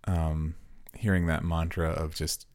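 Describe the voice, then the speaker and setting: A man's voice: a bass voice, little pitch movement, unhurried, a little mellow. A man co-hosting a podcast, chatting casually about songs in an easygoing, earnest way and laughing often. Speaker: podcast co-host. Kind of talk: casual music chat.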